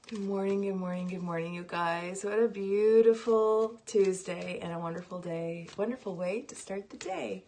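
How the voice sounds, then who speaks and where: A middle-aged woman, a meditation guide, chatting casually on a livestream from her phone, laughing often and greeting viewers by name before guiding the breathing. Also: medium pitch.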